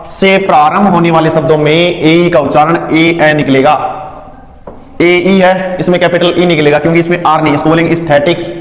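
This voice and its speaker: A man teaching English vowel sounds in a phonics lesson, asking questions and answering them himself, spelling words out slowly letter by letter. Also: fairly high pitch. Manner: asks and answers his own questions. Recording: echoey room with long reverb.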